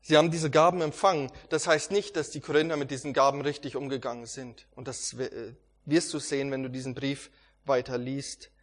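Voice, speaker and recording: A man's voice: mid-range voice, fairly even intonation, a little fast. A man teaching a Bible sermon, earnest and emphatic, repeating phrases and sometimes restarting a word. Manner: occasional restarts and stumbles. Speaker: preacher.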